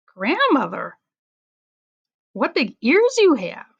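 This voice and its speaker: A woman's voice: sits high, huge pitch swings, slow, creaky, muffled recording, voice pushed up, heavily acted. A woman voicing an innocent, wide-eyed little girl in a fairy tale. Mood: wondering.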